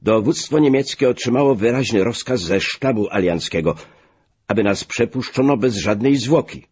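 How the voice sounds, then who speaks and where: Man voicing an angry commanding colonel, raised forceful voice, husky, muffled lo-fi recording. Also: medium pitch, normal speed, voice pushed up, close to an everyday voice. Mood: furious. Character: furious middle-aged male American colonel.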